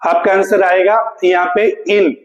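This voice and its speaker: High-voiced male teacher in an echoey room. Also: steady tone, lo-fi sound. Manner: questions then answers himself, calls students "beta", reads English lines slowly. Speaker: English teacher. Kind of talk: exam-prep lesson. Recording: echoey room with long reverb.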